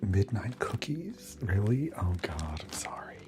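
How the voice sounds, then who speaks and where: A man's voice: low voice, unhurried, music in the background. A man whispering casually through an ASMR livestream, chatting with viewers and answering their comments between snacks.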